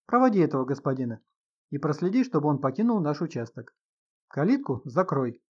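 A man's voice: on the high side, very animated, fairly quick, a little mellow, slightly rough, highs cut off. A man voicing an irritable, suspicious middle-aged husband who gets agitated and sarcastic in an audiobook reading.

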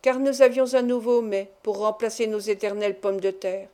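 A woman reading a classic novel aloud as an audiobook narrator, in a measured, expressive way. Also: mid-range voice.

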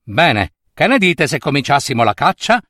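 A man's voice: on the high side, sing-song, moderate pace, a bit bright, dry recording, studio quality. A man voicing an eager young boy who leads his friends in a storybook.

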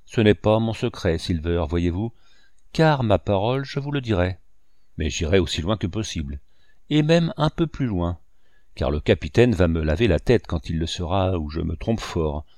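A grave old ship's doctor, earnest and gently reproachful, as a male reader voices him. The tone sits fairly low and the sound is close and dry, with no room around it. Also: animated, moderate pace, dry recording. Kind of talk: audiobook dialogue reading.

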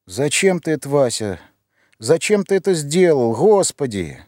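A man's voice: a little high, very animated, measured pace, dark tone, dry recording. A plaintive old mother from a grim audiobook story, put on by a male reader who lifts his voice to play her. She is simple and frightened, pleading with her son and reproaching him. The reading is close and dry.

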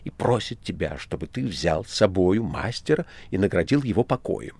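Левий Матвей: суровый озлобленный ученик, как его читает мужчина. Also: male voice, low voice, expressive, moderate pace, darkish tone, dry recording. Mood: bitter. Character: stern, pleading male disciple, ascetic. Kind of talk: audiobook reading.

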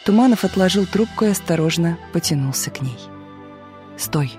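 An audiobook narrator reading a novel in an even, measured storytelling manner. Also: medium pitch, faint music behind. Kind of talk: scripted narration.

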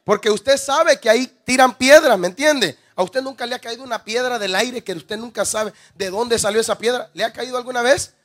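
A man's voice: very high voice, fairly quick, hardly any pauses, a bit bright. A man preaching a sermon, firing rhetorical questions at the congregation, calling them brother and acting out little scenes. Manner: rhetorical questions, calls listeners "hermano", acts out scenes.

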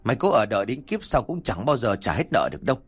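A man's voice: mid-range voice, very animated, fast talker, husky, faint music behind. A man voicing a greedy, hot-tempered old landlord who barks threats and orders. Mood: furious. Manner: barking, threatening.

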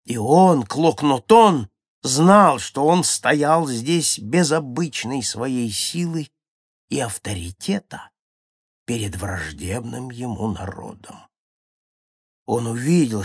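A man narrates a children's audiobook story with dramatic swings, rising loud at tense moments and dropping to a near hush. His voice is mid-pitched and sounds dry and close-miked. The reading is steady and scripted. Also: husky, no echo.

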